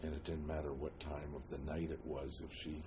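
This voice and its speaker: An elderly American man from New Jersey reminisces about his life in an interview, halting often with long pauses and hesitations. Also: rumbling low, flat delivery, noisy background. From New Jersey, United States. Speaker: oral history interviewee. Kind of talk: reminiscing, telling life story.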